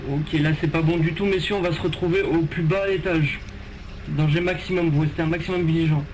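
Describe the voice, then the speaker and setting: High-voiced man barking squad orders like a sergeant. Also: steady tone, fairly quick, background noise. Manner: commanding drill-sergeant way of barking short orders. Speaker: squad leader, addressed as sergeant. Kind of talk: military role-play in an online game.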